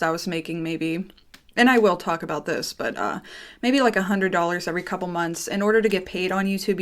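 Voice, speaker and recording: A woman's voice: lowish voice, a bit bright. A young American woman talking casually and informally to her viewers, nervous and dry-mouthed, rambling and drifting off topic. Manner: rambling, often breaking off and going off topic; informal, swearing. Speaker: YouTube creator. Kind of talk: casual personal monologue to viewers.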